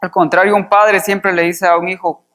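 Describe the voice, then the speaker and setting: A man preaching a sermon in a church, reading scripture aloud and explaining it in an easygoing way, often pausing on filler words. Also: sits high, level tone, a bit bright. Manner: conversational, fills pauses with "este" and repeats "dice" while reading.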